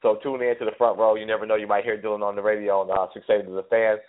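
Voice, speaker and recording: A congested man with a low voice, talking fast as he hosts a casual sports call-in podcast. He has a head cold, laughs easily and stumbles over his words. The audio is thin and squeezed, like a phone line. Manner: relaxed, laughs often, stumbles and repeats words. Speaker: podcast host.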